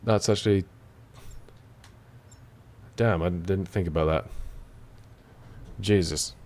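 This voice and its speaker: A man's voice: sits low, slow pace, darkish tone. A tired man, chatting casually and reading out viewer questions while gaming, in a laid-back, rambling, self-deprecating way. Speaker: streamer.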